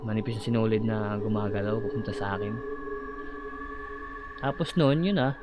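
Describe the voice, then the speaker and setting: A man casually telling a personal horror story about sleep paralysis, halting and acting out his own shouts. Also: fairly low pitch, loud music behind the voice. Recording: slightly dull audio with clear background noise.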